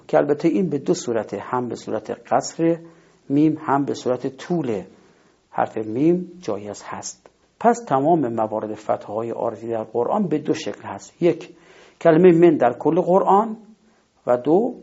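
Male recitation teacher, measured and explanatory, with a dark, mellow tone. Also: medium pitch, creaky, breathy edge, dull audio. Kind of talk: instructional lesson.

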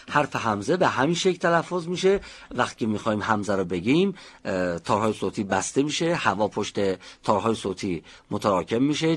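A man with a medium-pitched, slightly rough voice gives a televised pronunciation lesson. He explains patiently step by step, demonstrating each sound slowly.

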